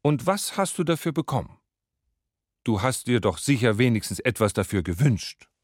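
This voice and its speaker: A man voicing a fisherman's demanding wife in a fairy tale, speaking in a high scolding whine. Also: sing-song, moderate pace, no echo, clean studio sound. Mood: pressing.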